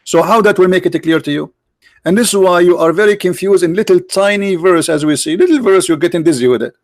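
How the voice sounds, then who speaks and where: A man's voice: high voice, fast, dry recording. Insistent man debating, English. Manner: insistent, argumentative, repeats points. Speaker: debate host. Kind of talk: call-in debate.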